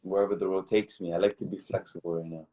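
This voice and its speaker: A man's voice: low voice, flat delivery, fast talker, warm tone, low-quality recording. A young man from Toronto, a guest recording artist, chatting in an easygoing, rambling way and calling the host bro and man. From Toronto, Canada. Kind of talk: casual interview chat.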